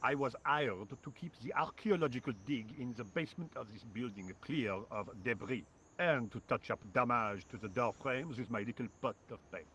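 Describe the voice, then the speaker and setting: A man's voice: medium pitch, moderate pace, pushed and bright, slight background noise, close to an everyday voice. A man voicing a lazy sarcastic French painter. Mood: indifferent. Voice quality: dry, indifferent, drawling. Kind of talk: video game voice acting.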